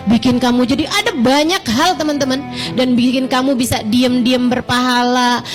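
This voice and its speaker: A woman with a high voice preaches a casual sermon to her listeners. She tells a story, acts out what other people said, and repeats her points for emphasis. Soft music plays quietly behind her.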